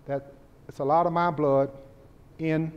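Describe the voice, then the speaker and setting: A man's voice: a little high, steady tone, unhurried, smooth. An older man standing and presenting upcoming festival events in a forthright, earnest way in a community center room. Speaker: event organizer. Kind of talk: public presentation. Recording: dull echoey hall recording.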